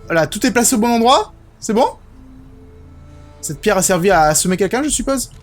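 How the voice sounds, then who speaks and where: A young man from France giving excitable, casual commentary as he plays a video game, swearing now and then. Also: sits high, a little fast. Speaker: gaming video host. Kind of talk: casual let's-play commentary. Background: game music.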